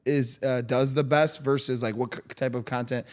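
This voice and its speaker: A man's voice: mid-range voice, steady tone, moderate pace. Man, from Michigan, podcast host, loose rambling questions, casual chat. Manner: loose, filler-heavy questions.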